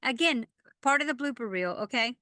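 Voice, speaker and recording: A woman in her fifties co-hosts a relaxed podcast chat. Her voice is bright and forceful, and the close mic picks it up dry. She talks in a good-humored, rambling way. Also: on the high side, brisk, no room sound. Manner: chatty and good-humored, rambles between thoughts. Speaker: podcast co-host. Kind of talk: casual chat over wine.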